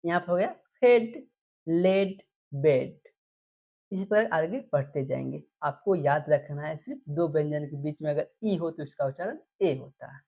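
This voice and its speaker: Gravelly-voiced woman teaching spelling. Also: low voice, lively intonation, normal speed. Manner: repeats words and quizzes with questions. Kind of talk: explaining rules to students. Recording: dull lo-fi recording.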